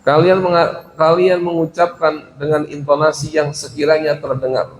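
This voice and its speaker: A man's voice: a little high, steady tone, moderate pace. Man teaching in a roomy space. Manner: reads Arabic text then explains it, acting out little dialogues. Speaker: religious teacher. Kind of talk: lesson explaining a classical text. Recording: roomy with faint ambience.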